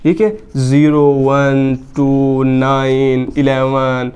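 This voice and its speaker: A man's voice: medium pitch, flat delivery, extremely slow, a little mellow, smooth. A man teaching a whiteboard math lesson, explaining step by step and often asking rhetorical questions to the class.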